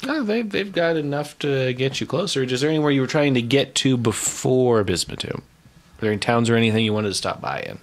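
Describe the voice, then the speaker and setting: A man's voice: mid-range voice, expressive, a little fast. A man acting as game master, narrating a tabletop game in a casual way.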